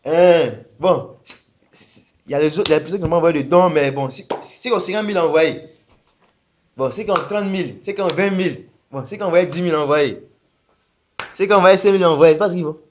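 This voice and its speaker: A man voicing a fervent male preacher who shouts his sermon high and loud and calls for donations. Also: a little fast, slight background noise, close to an everyday voice. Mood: soliciting.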